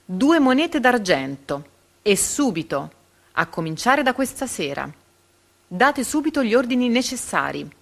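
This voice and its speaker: A woman reading as a greedy pompous tyrant. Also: on the low side. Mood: shouting. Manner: slow, emphatic, possessive declaiming. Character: greedy pompous male tyrant, bullying and demanding. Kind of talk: storybook reading.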